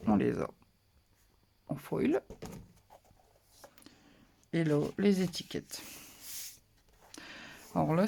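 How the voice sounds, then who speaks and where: A papercraft channel host chatting casually through a haul of paper pads, relaxed and hesitant. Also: mid-range voice, creaky, slight background noise. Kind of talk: casual haul show-and-tell.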